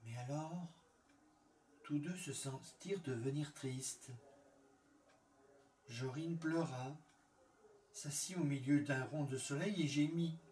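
A male storyteller with a fairly high voice reads a fairy tale slowly, in a calm and measured way with lingering pauses. He sits well back from the mic in an echoey room, and there's slight background noise.

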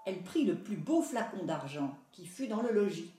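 A woman reads a fairy tale aloud in a steady storytelling voice with a mellow, warm tone. The sound is roomy, with her voice set back from the microphone. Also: mid-range voice, normal speed, soft background music. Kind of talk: storybook narration. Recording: echoey room, voice far from mic.

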